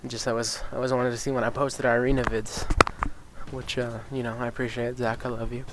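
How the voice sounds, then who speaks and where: Heavy background noise surrounds this gaming YouTuber, who speaks briskly in a mid-range voice. His nose is stuffy and sniffly as he chats casually over gameplay, rambling with many ums and uhs. He swears freely and gets worked up, excited and incredulous, about game balance.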